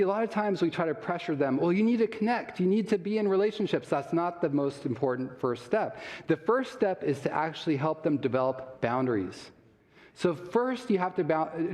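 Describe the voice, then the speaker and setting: A man's voice: sits high, darkish tone. A man giving a live health seminar talk, chatty and questioning the audience, chuckling often. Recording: long reverb of a large hall.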